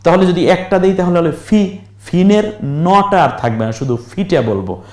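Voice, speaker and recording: In a roomy-sounding space, a high-voiced man teaches Quran recitation step by step, slowly spelling out letters and occasionally chanting a verse in a drawn-out tone.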